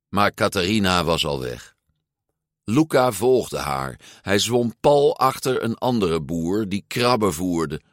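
A man narrating a children's storybook in a measured, expressive read-aloud manner. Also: sits low, dry recording, clean studio sound. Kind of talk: storybook reading.

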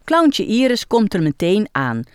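A woman reading a children's story aloud in an expressive way. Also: mid-range voice, a little slow, smooth, no room sound, clean studio sound.

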